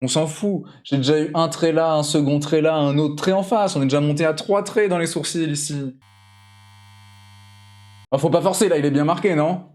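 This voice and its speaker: A young man hosting a charity livestream from his home, chatting playfully and teasing while he draws, sometimes bursting into high shouts. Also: steady tone, normal speed. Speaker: charity stream host. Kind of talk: casual livestream chat while drawing. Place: home room.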